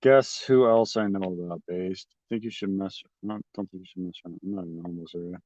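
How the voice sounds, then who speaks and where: A man's voice: low-pitched, steady tone, quick pace, a little mellow, no echo. Rambling, foul-mouthed male streamer on a phone. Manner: offhand, profane, rambling with many fillers. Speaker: live streamer talking to chat. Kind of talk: casual rambling chat. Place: outdoors on city streets. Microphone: phone held by the streamer. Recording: slightly dull lo-fi phone audio.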